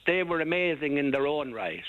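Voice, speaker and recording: A man's voice: on the high side, sing-song, fairly quick. An older Irish man, a radio guest, recalling local history in casual, rambling talk with many restarts. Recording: dull band-limited radio sound.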